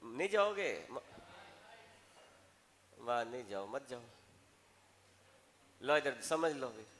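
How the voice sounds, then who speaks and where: A man's voice: mid-range voice, lively intonation, slow, a bit bright, long reverb tail, slight background noise. A male teacher lecturing a classroom in Rajasthani-accented Hindi, coaxing and scolding students with questions to the class.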